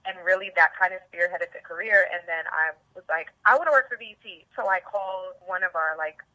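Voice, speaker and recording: An outgoing, talkative American woman from the Bronx and Harlem, New York, a TV host and film reporter, chats casually and slangily as an interview guest over a band-limited line. Her voice is lowish, a little fast and sharp in tone. The recording is dry with the highs cut off.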